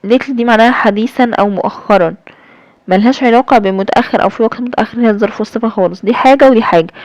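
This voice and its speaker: A woman's voice: on the high side, racing, no echo, highs cut off. A young woman with an Egyptian Arabic accent, explaining English grammar step by step in a recorded lesson, with many fillers and check-ins. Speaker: English teacher.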